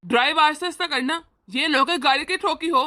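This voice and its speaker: A woman voicing a kind, indulgent young brother in an animated family cartoon, speaking gently and reassuringly. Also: high voice, brisk.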